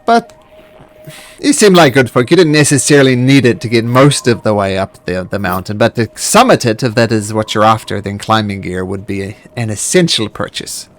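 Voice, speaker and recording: A man's voice: lowish voice, normal speed, close to an everyday voice. A man playing a friendly, folksy male expedition outfitter in an improvised tabletop role-play game. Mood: helpful, salesmanlike.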